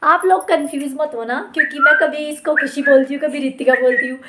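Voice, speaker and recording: A woman's voice: high voice, a little fast. A young woman chatting casually to her viewers while cooking in her home kitchen. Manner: chatty, addresses viewers as friends. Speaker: vlogger. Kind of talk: casual home vlog chat. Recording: noisy home recording.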